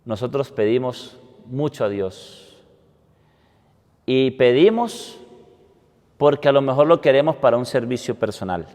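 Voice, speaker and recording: A man, a priest giving a homily and prayers at Mass in a solemn, deliberate way, with a cathedral-like echo. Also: mid-range voice, expressive, a little mellow. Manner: solemn, deliberate delivery with measured phrases. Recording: cathedral-like echo, long reverb.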